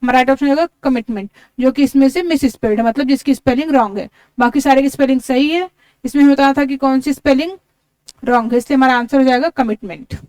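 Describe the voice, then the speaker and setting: Woman teacher, high voice, dry close sound, spells words letter by letter. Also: fast, a little mellow, dry recording. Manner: explains step by step, repeats words. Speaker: English teacher. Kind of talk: exam-prep lesson.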